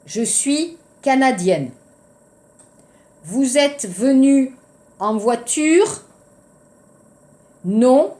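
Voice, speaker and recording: Slow, high-voiced woman teaching French. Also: a little mellow. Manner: slow, deliberate, repeats words for learners; mixes in Korean terms. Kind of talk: classroom lecture with drills.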